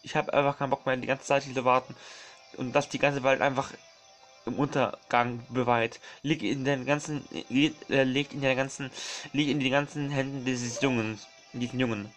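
A man's voice: mid-range voice, fairly even intonation, normal speed, fairly bright tone, soft background music. A man doing casual let's play commentary, rambling and apologizing often, repeating his words and calling his viewers his friends.

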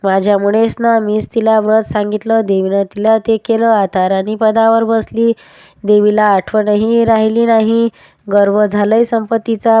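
A woman's voice: medium pitch, mellow, clean tone, no echo, close to an everyday voice. A woman voicing an angry, proud old beggar woman who scolds and curses in a devotional story. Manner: scolding, bitter.

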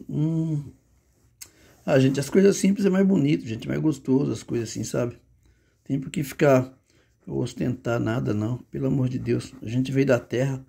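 Brazilian male drawing teacher, chatty and gravelly, on a handheld phone. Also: mid-range voice, dark tone. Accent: Brazilian Portuguese. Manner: chatty, talks to himself while drawing. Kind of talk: casual drawing lesson.

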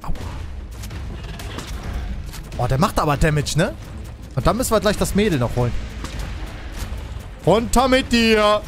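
Lively high-voiced excitable gaming man. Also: normal speed, long pauses, faint music behind. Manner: excitable, exclamatory, talks to his game creatures. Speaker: let's play host. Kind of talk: excited gameplay commentary.

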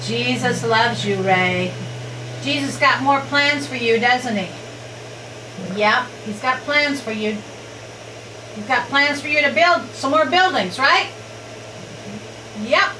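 A woman behind a home camcorder, gently coaxing and prompting someone in a sing-song way, recorded as old camcorder audio. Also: sits high, takes it slowly, long pauses, reverberant, distant mic, noisy background. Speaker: person filming an elderly man. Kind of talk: home video chat. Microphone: camera mic from behind the camera. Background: praise music playing.

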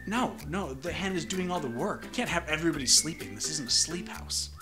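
A comedian in his thirties co-hosts while reading a children's story, trading comic banter as he goes. His fairly high voice is animated and fairly quick, heard over music. He's indoors in a small room, seated on a sofa.

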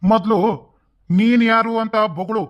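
A man's voice: high-pitched, steady tone, moderate pace, muffled recording, close to an everyday voice. A man voicing a brusque young husband in a cartoon drama, curt and dismissive. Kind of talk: cartoon dubbing.

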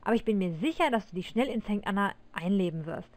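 A woman's voice: mid-range voice, fast talker, lightly acted. A woman voicing a stern middle-aged father who speaks firmly and with authority in a read-aloud story. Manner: firm, final, calmly authoritative.

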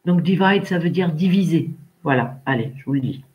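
A woman's voice: low-pitched, expressive, normal speed, dull audio. Woman teacher giving patient pronunciation feedback. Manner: patient, corrects pupils one by one by name. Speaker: English teacher. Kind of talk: online class teaching.

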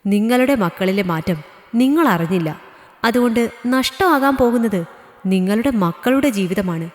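A woman's voice: medium pitch, animated, moderate pace, darkish tone, lightly acted. A woman voicing a firm, probing schoolteacher. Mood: stern. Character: strict caring female schoolteacher, middle-aged mother. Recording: echoey reverberant room.

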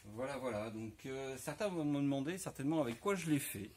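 A man in his forties with a French accent casually explains a camper van rebuild inside a large workshop garage, speaking through a lapel mic. His mid-range voice is brisk, slightly mellow, and lively in intonation, full of hesitations and restarts. A little hiss or hum is audible.

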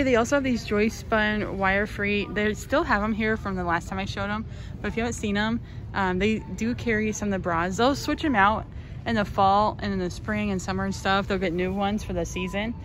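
A woman vlogging as she walks a large store, chattily listing prices and getting excited over new finds. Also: mid-range voice, normal speed, a little hiss or hum. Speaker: shopping vlogger. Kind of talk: casual shop-with-me narration. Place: large retail store, indoors.

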